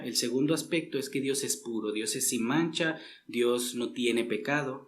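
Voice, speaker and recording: A man's voice: mid-range voice, slight background noise. A man preaching a sermon in a church, earnest and emphatic, often addressing listeners as brothers.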